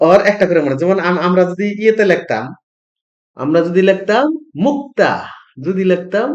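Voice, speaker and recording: A man's voice: high voice, dull audio. A male Japanese-language teacher giving an online lesson. He repeats phrases as he explains and keeps asking if the students follow. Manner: repetitive, checks understanding with "ঠিক আছে?". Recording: echoey room.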